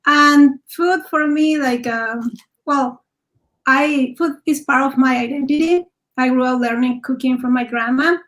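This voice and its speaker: High-voiced Mexican woman, halting speech. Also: fairly bright tone, rough recording. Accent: Mexican Spanish. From Mexico City. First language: Spanish. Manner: halting, searching for words, many fillers. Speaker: home cook guest. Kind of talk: casual show-and-tell talk.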